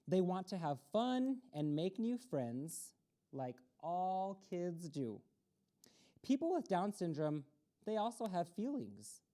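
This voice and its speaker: A woman with a low, soft voice reads a picture book aloud to children at story time, adding explanatory asides. She speaks slowly with very lively, rising and falling intonation, using simple, instructive phrasing and asking her young listeners questions.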